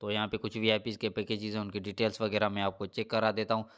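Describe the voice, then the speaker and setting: A man, hosting a channel and talking through an app step by step in a steady, instructional voice-over, leaning on repeated filler phrases. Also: on the low side, quick pace, clean tone. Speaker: channel host. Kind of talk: screen-recorded app walkthrough.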